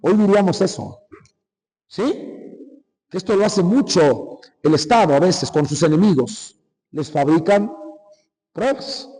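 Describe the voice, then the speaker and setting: A man's voice: high voice, expressive, measured pace, long pauses, mellow. A man from Mexico, a priest giving a conversational Lenten sermon with dramatic retelling and frequent questions to the congregation. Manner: conversational, asks the congregation "¿sí?" often; dramatic retelling with shifting volume. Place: church. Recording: long church reverb. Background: hall reverb.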